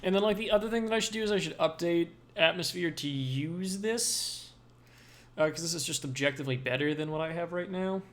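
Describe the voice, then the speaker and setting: A man's voice: fairly high pitch, fairly quick, a bit bright, slight background noise. A man livestreaming his programming work, thinking aloud in a loose, hedging way as he codes at his desk. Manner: mumbling to himself, self-talk with hedges. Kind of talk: casual thinking-aloud while coding.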